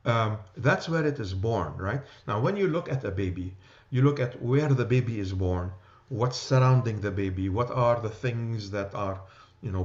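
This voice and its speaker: A man's voice: fairly low pitch, lo-fi sound. A man with a New York accent teaching an adult church class, talking loosely and checking in with "okay?" and "right?". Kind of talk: church class lecture with discussion.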